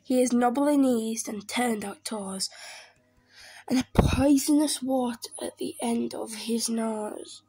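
A woman voicing a small, clever, boastful mouse with a bright, cheeky manner. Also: fairly high pitch, slow, slightly rough, heavily acted. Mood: sly.

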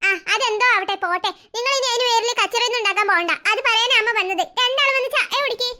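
A woman's voice: extremely high pitch, fast talker, bright, forceful tone, heavily acted. A woman voicing a fussing, teasing cartoon mother who chides her daughters but cares for them. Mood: chiding. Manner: chiding yet caring.

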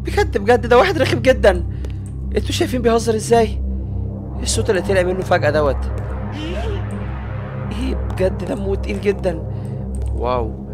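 A man with an Egyptian accent giving excitable let's-play commentary, jumpy and talking straight to his viewers. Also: sits high, fairly quick, pauses often. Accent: Egyptian Arabic. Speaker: gaming YouTuber. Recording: game music in the background.

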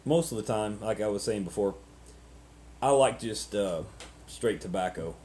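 A man in his thirties chatting casually and unscripted to camera as a vlogger, halting and ruminative, often repeating words, on noisy webcam audio. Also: lowish voice, lively intonation, a little mellow. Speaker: pipe-smoking vlogger.

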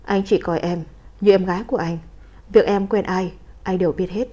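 Woman reading as a stern male crime boss, calm and clipped, mellow low-toned voice, audiobook story. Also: normal speed, close to an everyday voice. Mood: firm.

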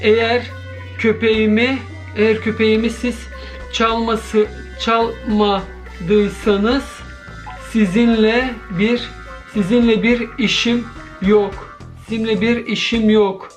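A man making a horror video, reacting out loud to a video call and talking to his viewers in a jumpy, excitable way. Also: sits high, slow pace, faint music behind. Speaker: horror YouTuber.

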